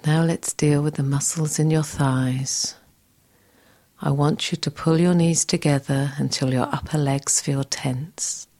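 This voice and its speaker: A woman guiding a scripted relaxation exercise in a soft, soothing, breathy, near-whispered voice. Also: low-pitched, steady tone, measured pace. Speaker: relaxation guide.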